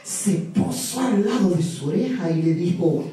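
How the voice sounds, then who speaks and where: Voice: medium pitch, lively intonation, moderate pace, mellow. A storyteller telling a folk tale live with playful, sing-song repetitions. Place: live event room. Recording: echoey live room from far off.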